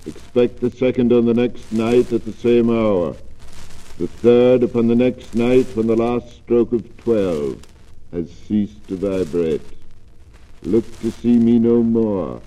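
A mournful ghost of a dead miser, as a male reader puts him on, speaking low, slow and hushed. The voice is dark and mellow, with the weight of a solemn warning in a storybook reading. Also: natural voice, rough recording.

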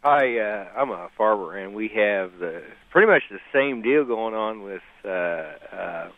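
A man's voice: fairly low pitch, expressive. Hesitant male radio show caller on a tinny phone line. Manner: hesitant, halting, many fillers. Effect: call-in voice over a phone line. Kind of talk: call-in question to a radio talk show.

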